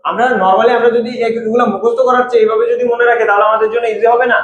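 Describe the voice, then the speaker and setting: A man's voice: extremely high pitch, steady tone, rapid-fire. A man teaching chemistry in a classroom lecture, repeating key points and asking the class questions. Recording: echoey room, dull lo-fi sound.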